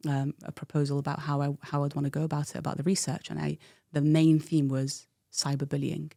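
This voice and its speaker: A woman in her thirties from the United Kingdom tells her life story as a guest in a candid personal interview, speaking frankly and reflectively with frequent fillers. Her low voice is gravelly and mellow, her delivery flat and brisk. The recording is dry and clean, studio quality.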